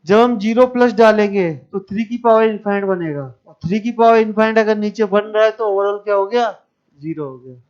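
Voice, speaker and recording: High clear-voiced male math teacher. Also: steady tone, a little fast, few pauses, darkish tone, muffled recording. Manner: explains step by step, questions the class. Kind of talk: classroom lecture.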